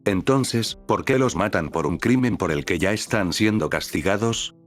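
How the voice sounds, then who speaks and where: A man's voice: sits low, lively intonation, normal speed, soft background music. A man voicing a steadfast, protective fatherly man who speaks firmly and with passion. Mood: impassioned. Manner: firm, impassioned, resolute.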